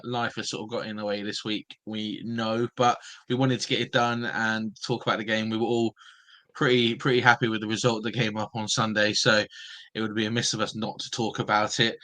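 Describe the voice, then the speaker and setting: A man's voice: medium pitch, sharp tone. A man hosting a football podcast in a casual, chatty presenting style. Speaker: podcast host.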